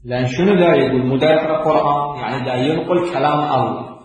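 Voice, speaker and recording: Lilting Iraqi cleric in an echoey room. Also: male voice, a little high, distant mic. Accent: Iraqi Arabic. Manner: lilting, half-chanted explanatory delivery with drawn-out words. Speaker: religious scholar teaching. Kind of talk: religious law lesson.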